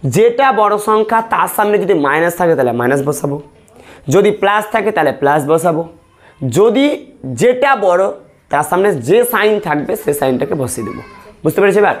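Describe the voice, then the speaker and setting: A man's voice: high voice, expressive, moderate pace. A male math teacher leading a classroom lesson, asking questions and repeating the answers step by step. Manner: repetitive call-and-response questioning.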